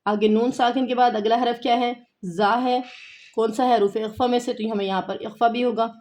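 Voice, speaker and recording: Female tajweed teacher with a Pakistani Urdu accent and a somewhat high voice, patient and methodical, drawing recited words out slowly. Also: fairly even intonation, a little mellow. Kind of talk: tajweed lesson with slow recitation.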